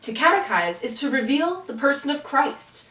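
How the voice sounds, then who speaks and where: A woman's voice: high-pitched, big pitch swings, moderate pace, pushed and bright. Playful young woman in echoey room. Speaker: co-host. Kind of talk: casual scripted video chat. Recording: echoey room, mic at a distance.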